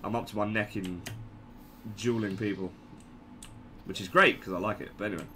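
A man's voice: fairly low pitch, fairly even intonation, moderate pace, bright, forceful tone, a little hiss or hum. A man casually commenting on his own gameplay, joking and stammering through restarts.

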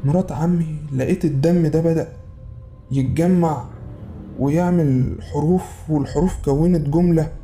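A man's voice: fairly high pitch, fairly even intonation, moderate pace, dark tone, soft background music. A man with an Egyptian accent telling a first-person horror story in a frantic, urgent way, repeating himself for effect. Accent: Egyptian Arabic.

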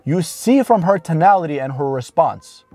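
This dating coach, a man of around thirty, has a fairly high, warm voice with lively intonation and no echo. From a parked car he gives blunt, informal, emphatic advice to camera, drawing out important words while music plays behind him.

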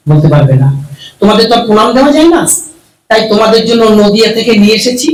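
Cheeky high-voiced puppeteer man. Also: big pitch swings. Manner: cheeky, rapid-fire joking. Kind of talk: live puppet show comedy patter. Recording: roomy, distant with music.

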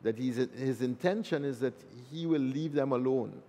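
A man's voice: mid-range voice, moderate pace, warm tone. A priest reading the gospel and giving a homily in a plain, conversational way, with a long church echo on his voice. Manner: plain, conversational, with fillers and restarts.

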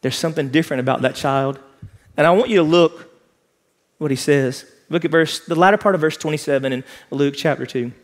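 A man's voice: fairly high pitch, fairly quick. A man, preaching an emphatic sermon as pastor in a large church auditorium. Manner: impassioned, emphatic preaching, walking the stage.

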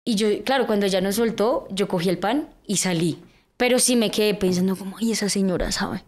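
A woman's voice: medium pitch, fairly quick. Young Colombian woman telling her story. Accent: Colombian Spanish. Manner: lively narration full of fillers, with acted-out quotes. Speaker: podcast guest. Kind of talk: personal storytelling in a podcast interview.

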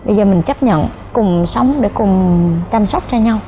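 A woman, a guest telling her story in a casual interview, chatty and animated. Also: medium pitch, moderate pace, a little hiss or hum. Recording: dull, lo-fi with faint music.

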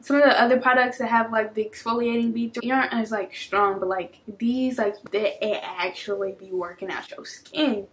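A woman's voice: on the high side, steady tone, normal speed, hardly any pauses, a bit bright. A young woman vlogging casually to camera from home, chatty and full of filler words. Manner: chatty, heavy use of filler "like". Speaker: beauty vlogger.

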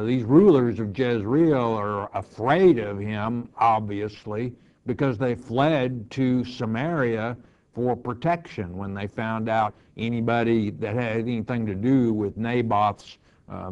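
A man's voice: on the low side, takes it slowly, darkish tone, muffled recording. A male pastor teaching verse by verse, reading scripture aloud and then explaining it in plain words.

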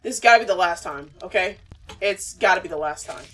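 Bright-voiced young woman streaming a game. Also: fairly low pitch, a little fast, distant mic. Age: young adult. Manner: animated, slangy, talks to herself and viewers. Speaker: gaming streamer. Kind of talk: casual gameplay commentary.

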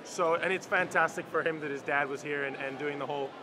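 A young male player talks fast and eagerly, in a fairly high voice, on an arena floor. Clear arena noise fills the space behind him, and his sentences tumble out with fillers. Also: fairly even intonation. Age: 20s. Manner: quick, eager, many fillers. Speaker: soccer player. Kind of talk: postgame interview. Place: indoor soccer arena floor.

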